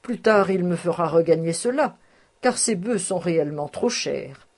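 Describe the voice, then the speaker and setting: A woman's voice: lowish voice, expressive, normal speed, a little mellow. A woman reading aloud, voicing a cautious, brusque male cattle trader who talks grudgingly.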